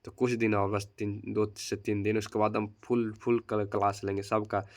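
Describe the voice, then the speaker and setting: A man's voice: lowish voice, flat delivery, normal speed. Man chanting exam terms in a lesson. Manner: repeats key terms over and over in rote chants; mixes English terms into Hindi explanations. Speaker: coaching center teacher. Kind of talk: drilling exam answers in a recorded lesson.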